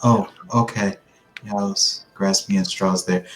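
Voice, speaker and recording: A man's voice: sits low, steady tone, measured pace, a bit bright, faint music behind, rough recording. A man playing a tabletop game, chatting casually and repeating himself as he asks questions.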